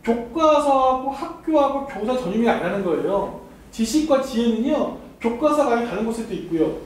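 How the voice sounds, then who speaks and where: In a strongly echoing hall, with the microphone far away and faint noise beneath, an academy admissions lecturer with a very high voice teases students and laughs as he speaks to them directly. His delivery is sing-song and fairly quick.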